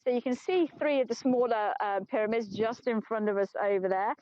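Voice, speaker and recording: On an open plateau, an English tour guide in middle age streams a live walking tour from her phone, and the audio comes through dull and lo-fi with no room sound. Her fairly high voice is brisk and a little mellow. She chats away, pokes fun at herself, laughs a lot and seems tired.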